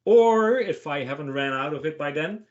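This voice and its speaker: A man with a slightly high, expressive voice gives a casual online tech talk as the featured speaker, answering questions informally and jokingly with short, emphatic phrases. He speaks at a moderate pace, and the sound is lo-fi.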